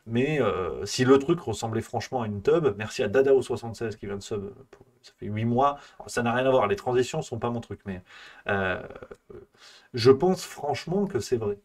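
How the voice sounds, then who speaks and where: A man's voice: medium pitch, darkish tone. A man hosting a live stream, ranting in a casual satirical way, rambling and mocking with many hesitations.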